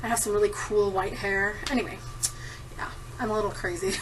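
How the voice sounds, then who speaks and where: A woman's voice: mid-range voice, steady tone, brisk, far from the mic, a little hiss or hum, poor audio. A woman in her thirties chatting casually to camera, giggling often and rambling with lots of ums. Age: 30s. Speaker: vlogger answering a tag. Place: home room at a desktop computer. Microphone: computer camera mic.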